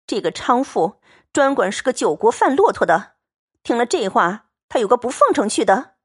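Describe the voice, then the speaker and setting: A woman voicing a defiant young maid, sharp and scolding in an audiobook reading. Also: on the high side, very animated, moderate pace, breathy edge. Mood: scornful.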